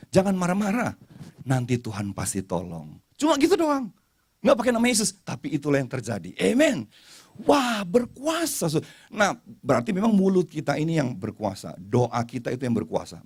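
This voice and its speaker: A man preaching a lively sermon at a church service, playfully acting out the people in his stories. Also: high-pitched, slightly rough, no echo, clean studio sound. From Indonesia. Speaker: pastor.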